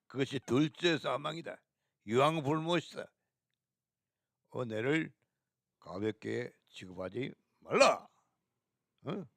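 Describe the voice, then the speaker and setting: A man's voice: mid-range voice, expressive, creaky, a bit bright, dry recording. A man preaching a fiery sermon, scolding harshly and hurling coarse insults. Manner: sings a hymn slowly.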